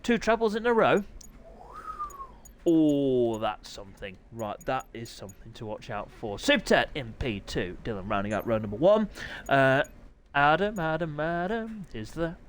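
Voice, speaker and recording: A man commentating live online races with an excitable, chatty manner, his throat sore and hoarse. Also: mid-range voice, moderate pace, a little hiss or hum. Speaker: sim racing commentator.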